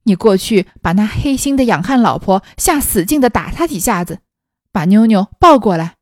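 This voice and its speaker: A woman reading the lines of a sharp, bitter young noblewoman who is unwell, in a scornful, cutting manner. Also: mid-range voice, animated, normal speed, no echo, studio quality, lightly acted. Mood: angry.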